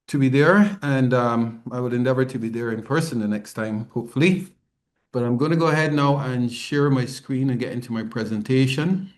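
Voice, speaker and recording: A man from Barbados, giving a conference presentation as head of a regional organization over a remote video call. He talks conversationally, with frequent ums and self-corrections. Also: mid-range voice. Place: office, not the venue.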